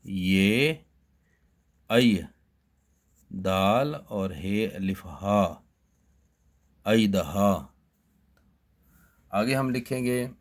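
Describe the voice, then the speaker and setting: Patient male Urdu teacher, deep and slow, spelling words out for young pupils. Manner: patient, spells letters one by one and repeats them. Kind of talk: slow spelling dictation lesson for children.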